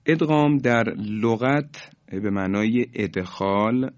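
A man teaching Quran recitation on the radio, explaining each rule and slowing down to model the recited examples. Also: on the low side, no room sound, muffled recording.

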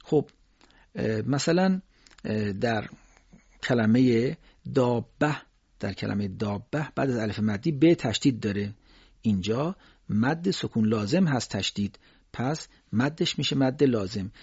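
A man gives a recitation lesson in a husky, mid-pitched voice, moving between calm explanation and slow, drawn-out chanted examples. The recording is dry and somewhat muffled, with no room around it. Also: no echo. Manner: explains calmly, then slowly chants drawn-out Quranic examples. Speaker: Quran recitation teacher.

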